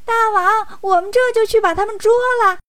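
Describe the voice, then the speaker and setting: A woman voicing timid little demon servants in a high, hurried, squeaky voice. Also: steady tone, a bit bright, no echo, distant mic. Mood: eager.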